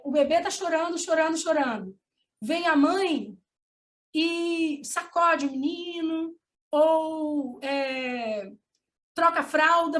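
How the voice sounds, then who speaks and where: Brazilian woman lecturing online, high voice, animated explaining. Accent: Brazilian Portuguese.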